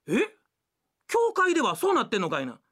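A woman's voice: on the high side, huge pitch swings, exaggerated voice. A woman doing a blustering Kansai husband. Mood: stubborn. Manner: blunt, boisterous, quick to shout. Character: bumbling loud middle-aged Osaka husband. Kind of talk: rakugo storytelling.

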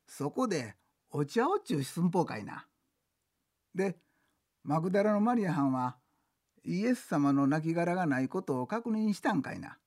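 Animated kansai storyteller man. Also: high voice. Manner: lively two-character dialogue, switching between chatting servants. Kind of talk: rakugo-style comic storytelling.

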